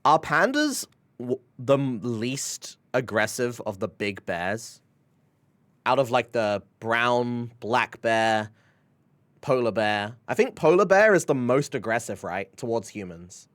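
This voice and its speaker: A man's voice: mid-range voice, big pitch swings, takes it slowly, fairly bright tone. Laid-back young man streaming, rambling chat. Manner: rambling, laughing, swearing, frequent "like" and "bro". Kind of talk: casual live-stream chat.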